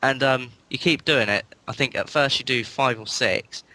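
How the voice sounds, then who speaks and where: A man's voice: mid-range voice, normal speed, sharp tone, low-quality recording. A man with an English accent chatting casually as a panelist on a gaming podcast. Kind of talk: casual chat.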